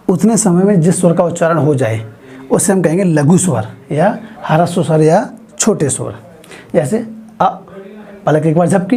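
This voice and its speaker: A man teaching a grammar lesson, explaining slowly and asking his students frequent questions as he writes on a board. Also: a little high, warm tone, husky. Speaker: Hindi teacher.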